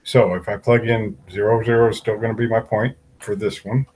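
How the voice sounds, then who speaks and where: A man's voice: fairly low pitch, flat delivery, brisk, darkish tone, breathy edge, rough recording. A man teaching an algebra lesson, working through graphs step by step and asking the class questions aloud. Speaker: math teacher.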